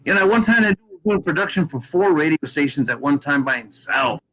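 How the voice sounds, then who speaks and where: A man speaking as a guest on a radio show, chatting informally in a halting, conversational way. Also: a little high, lively intonation, fairly bright tone, rough recording. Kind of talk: casual reminiscing chat.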